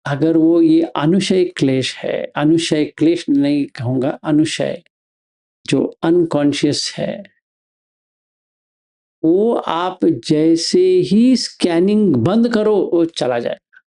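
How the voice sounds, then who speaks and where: Male meditation teacher, unhurried step-by-step delivery, dark gravelly tone. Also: on the high side. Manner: slow, step-by-step instruction. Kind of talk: explaining meditation practice.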